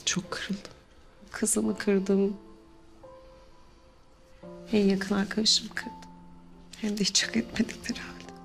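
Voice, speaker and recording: A middle-aged woman's voice of middling pitch with faint music underneath. a guilt-ridden mother confessing softly, at times dropping almost to a whisper. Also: level tone, takes it slowly, vocal fry, long pauses. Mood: remorseful. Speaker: mother character in a TV drama. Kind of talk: TV drama acting.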